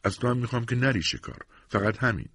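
A man's voice: animated, a bit bright, husky. A man doing an upset young wife. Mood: pleading, angry. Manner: pleading, raised higher voice. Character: young wife, anxious and insistent, baby crying.

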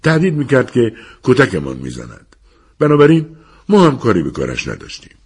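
A man's voice: mid-range voice, wildly swooping pitch, a little mellow, breathy edge. A man narrating a story in an audiobook, reading expressively.

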